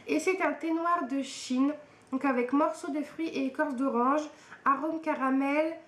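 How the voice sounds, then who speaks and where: Her voice sits high and moves at a measured pace as this young woman, a book and tea vlogger, unboxes something and chats casually, hesitating and using many fillers. The recording has an echoey room and faint hiss.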